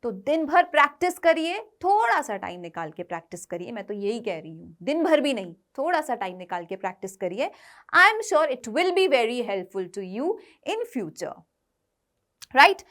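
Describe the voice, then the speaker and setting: An Indian-accented woman teaches an exam-prep lesson in classroom style, mixing explanation with read-out tips, emphatic and instructive, repeating points and checking that students follow. Her voice is a little high and a bit bright, unhurried, with big pitch swings.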